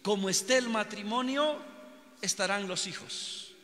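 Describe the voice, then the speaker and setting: A man's voice: sits high, a little slow, sharp tone. A man preaching a sermon, telling stories to make his points, emphatic and calling out at times. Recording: long hall reverb.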